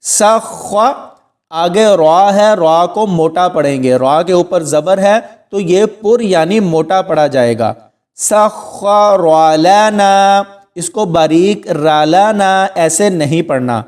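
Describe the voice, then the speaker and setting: A man with a notably high voice gives a recitation lesson. He explains the rules of pronunciation step by step and stretches the words out slowly as he demonstrates them. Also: expressive, a little mellow. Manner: instructive, slow drawn-out recitation of Arabic words. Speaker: Quran recitation teacher.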